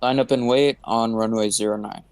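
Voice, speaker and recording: A man playing a pilot in a flight simulator, reading back clearances over a headset in clipped, formal aviation phrasing. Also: mid-range voice, fairly even intonation, normal speed, darkish tone, no room sound.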